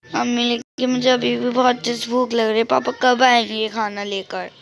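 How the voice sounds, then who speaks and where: A woman's voice: fairly high pitch, level tone, normal speed, gravelly. Woman doing a tearful hungry poor girl. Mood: sad. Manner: pleading, tearful questions.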